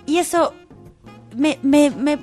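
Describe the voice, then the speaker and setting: A woman with a somewhat high voice delivers a comedic radio column. She sounds playful and impassioned, like she is rallying listeners to a campaign. Soft music sits faintly behind her. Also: slow pace. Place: radio studio.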